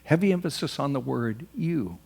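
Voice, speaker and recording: Gravelly-voiced man preaching a sermon. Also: mid-range voice, normal speed, a little mellow. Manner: preaching with rising emphasis on quoted scripture. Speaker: pastor.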